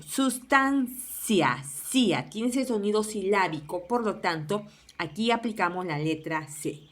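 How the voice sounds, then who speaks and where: A woman teacher giving a spelling lesson, sounding out word endings one by one. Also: medium pitch.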